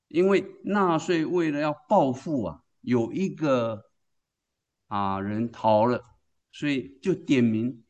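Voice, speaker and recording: A man with a voice of ordinary pitch preaches a sermon to his congregation. He tells the story with strong emphasis and keeps putting questions to his listeners before answering them himself. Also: darkish tone.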